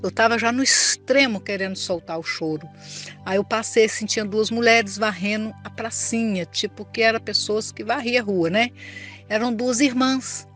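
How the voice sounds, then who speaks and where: A woman's voice: a little high, moderate pace, a bit bright, faint music behind. An older woman giving an earnest, emotional church testimony and speaking to the listener as a brother. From Brazil. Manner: earnest, tearful storytelling, addresses listener as brother.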